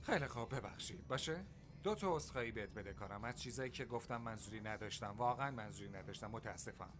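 A man's voice: lowish voice, music in the background, natural voice. An actor dubbing an irritable man about to get married, curt and short-tempered, later pleading. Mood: apologetic. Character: stressed man about to marry, abrasive. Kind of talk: dubbed film dialogue.

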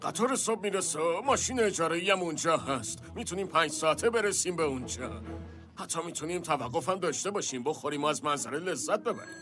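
A man's voice: a little high, lively intonation, bright, forceful tone, soft background music. A man dubbing a carefree, teasing old grandfather into Persian, with a laid-back manner. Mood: soothing. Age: older. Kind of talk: Persian film dub.

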